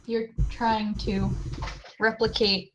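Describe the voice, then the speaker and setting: A woman's voice: on the high side, flat delivery, takes it slowly, over music, low-quality recording. A woman with a stuffy, runny nose chatting casually with a friend, giggling often. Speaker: friend keeping the streamer company. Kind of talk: casual chat.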